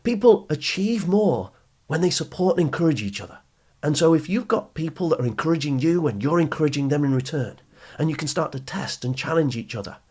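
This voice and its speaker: With a lively, fairly quick delivery, his voice is on the high side yet darkish and a bit rough. He's a podcast host and coach for teenagers, giving an encouraging, emphatic lesson addressed directly to whoever is listening in this motivational educational monologue.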